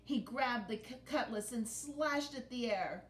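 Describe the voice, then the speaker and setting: With gasps and pauses for effect, a middle-aged woman tells the story of a picture book to children in an expressive, dramatic way. The setting is an indoor living room by a brick fireplace, and a camera a short distance away picks up a roomy sound with some rumbling.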